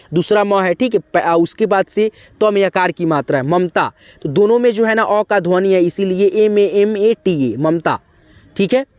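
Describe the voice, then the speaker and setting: A man's voice: high voice, darkish tone, clean tone, no room sound. A man teaching beginners to spell names, patiently spelling out letters and talking directly to his viewers. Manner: patient, repeats friendly asides to viewers.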